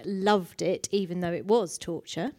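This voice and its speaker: A woman's voice: on the low side, fairly even intonation, measured pace, a little mellow. A woman co-hosting a show in casual, jokey, exclaiming comic chat. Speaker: show co-host.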